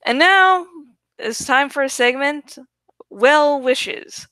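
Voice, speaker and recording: Talking casually to her viewers on camera, a woman who's a bit under the weather laughs and curses freely as she goes. Her voice is high-pitched, slow and sharp with lively intonation, recorded without echo.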